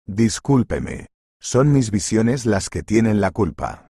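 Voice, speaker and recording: A man's voice: on the low side, big pitch swings, slow, warm tone, breathy edge, no echo, studio quality, full character voice. A man reading a timid young kitchen helper woman. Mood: fearful. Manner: apologetic, hesitant.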